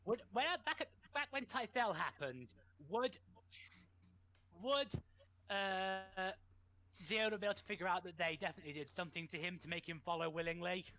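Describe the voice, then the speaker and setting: A man takes part in a tabletop game as a player, talking casually. His voice is high and sharp-edged, recorded close and dry. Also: moderate pace, no echo, lo-fi sound.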